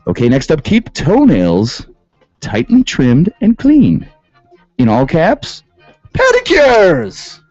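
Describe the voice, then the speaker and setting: A man's voice: fairly high pitch, wildly swooping pitch, slow pace, dark tone. Sarcastic male radio host, muffled sound. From Western New York. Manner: sarcastic, reads rules aloud and riffs on them. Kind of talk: comedic commentary. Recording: dull lo-fi sound with faint music.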